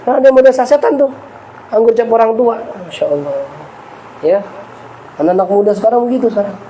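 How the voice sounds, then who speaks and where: A man with a high-pitched yet soft, mellow voice delivers a casual sermon to a congregation. He tells stories, acts out the voices in them and speaks straight to his listeners. A faint hiss of noise sits under the recording. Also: brisk, rough recording. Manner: storytelling, acts out quoted voices and addresses the congregation. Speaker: Islamic preacher. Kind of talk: lively conversational sermon.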